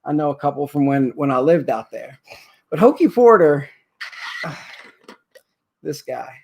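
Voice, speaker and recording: A man's voice: a little high, animated, takes it slowly, vocal fry, a little hiss or hum. A man in his thirties hosting a sports card livestream, rambling and emotional in casual chat. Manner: rambling, emotional, repeats himself. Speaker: sports card breaker host.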